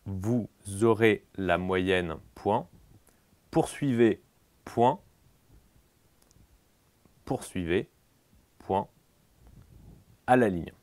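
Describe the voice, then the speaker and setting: A man playing an examiner in a comic dictation sketch, slow and solemn, repeating every phrase and speaking out the punctuation. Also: fairly low pitch, darkish tone, dry recording.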